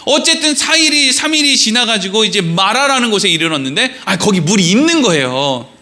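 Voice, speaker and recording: A man pastor preaching a sermon in a church, animated and joking with the congregation, acting out quoted voices. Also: high voice, fairly quick. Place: church sanctuary.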